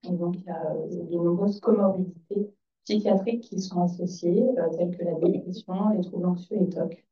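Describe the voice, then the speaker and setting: A woman delivers a medical presentation in a lowish, hoarse voice, raspy and breathy as if nearly lost. The sound is roomy and somewhat dull. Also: steady tone, normal speed. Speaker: child psychiatrist presenting at a conference. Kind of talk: conference presentation. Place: conference room. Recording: echoey, distant, dull hall microphone.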